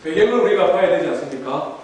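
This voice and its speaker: A man's voice: on the high side, expressive, fast talker, a little mellow. A man preaching a sermon, animatedly acting out the voices of the people he quotes. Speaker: pastor. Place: church sanctuary. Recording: very echoey church hall, distant mic, faint hiss.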